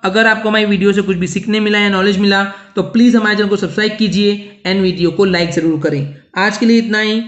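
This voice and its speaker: A man's voice: high voice, steady tone, fast, few pauses, fairly bright tone. A man teaching a coaching class lecture, explaining step by step and often checking that students follow. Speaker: physics tutor. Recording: dull lo-fi recording.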